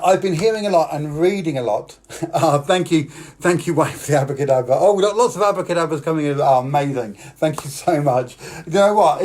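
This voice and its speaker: His voice sits on the high side and sounds a little mellow. He's a British children's party magician on a live stream, guiding boys and girls through tricks and encouraging them to get involved.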